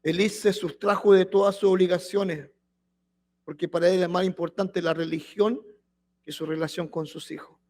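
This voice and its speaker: A man's voice: high voice, fairly even intonation, moderate pace, darkish tone. A male pastor preaching a sermon, reading scripture aloud with emphasis and throwing rhetorical questions at the congregation.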